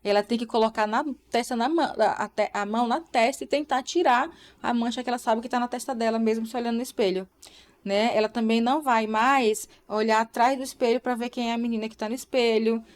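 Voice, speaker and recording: A woman's voice: on the high side, fairly even intonation, brisk. A young woman in casual live-stream chat, talking to viewers and checking in with tag questions.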